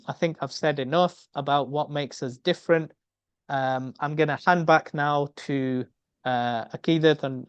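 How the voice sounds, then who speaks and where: A man's voice: medium pitch, clean tone, no echo. A middle-aged man from the UK, a medical educator giving an earnest webinar talk, often repeating words as he thinks. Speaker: medical educator and academy speaker. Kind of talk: webinar presentation. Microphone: video call. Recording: dry, dull video-call audio.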